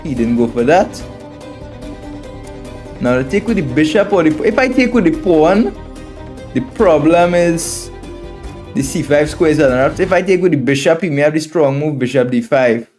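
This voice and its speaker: With frequent pauses, a moderate pace, and an animated, slightly high voice of darkish tone, a Trinidadian chess instructor and streamer from Trinidad and Tobago comments on a live game. He thinks aloud, repeats himself, and speaks to viewers as friends against background music.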